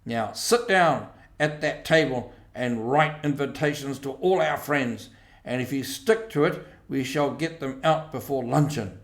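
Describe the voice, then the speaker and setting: A man's voice: mid-range voice, unhurried, echoey room, natural voice. A man voicing a stern, bossy badger in a storybook reading, speaking in a short, commanding manner. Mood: cross, bossy. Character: stern, brisk, bossy older male Badger.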